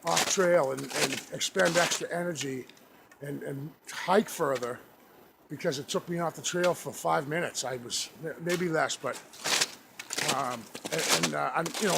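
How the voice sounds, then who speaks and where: A man talking casually to his vlog viewers, halting and rambling as he trudges through snow outdoors. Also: fairly high pitch, creaky. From New England, United States. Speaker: outdoor vlogger. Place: outdoors on a snowy forest trail. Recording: noisy outdoor audio with clicks.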